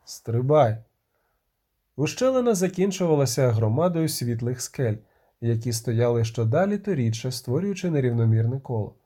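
A man narrating a fantasy audiobook in an expressive, measured way. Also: medium pitch. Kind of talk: scripted narration.

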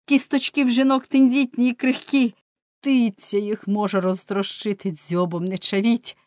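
A man's voice: high-pitched, flat delivery, moderate pace, a little mellow, no echo, clean studio sound, voice pushed up, close to an everyday voice. A woman reading aloud, voicing a desperate young man pleading for his tortured mother in an audiobook. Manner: crying out, pleading, anguished.

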